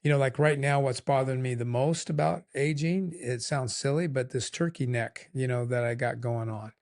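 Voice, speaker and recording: A man's voice: mid-range voice, moderate pace, darkish tone. An older man co-hosting a podcast with his wife, talking candidly and a little ramblingly, poking fun at himself. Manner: candid, rambling, self-deprecating. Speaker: podcast co-host. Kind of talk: casual chat.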